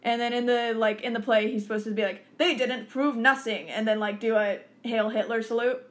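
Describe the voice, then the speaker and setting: Female podcast host, playful, casual, slightly high voice. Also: little pitch movement, fairly quick. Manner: playful, leads the questions. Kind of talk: casual chat.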